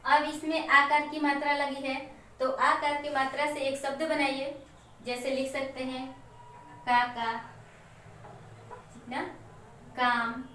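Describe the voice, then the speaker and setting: Woman teacher, high voice, slow step-by-step explaining, very echoey room, distant mic. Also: level tone, sharp tone. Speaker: Hindi teacher. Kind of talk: classroom lesson to children. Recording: echoey room, mic far off, faint noise.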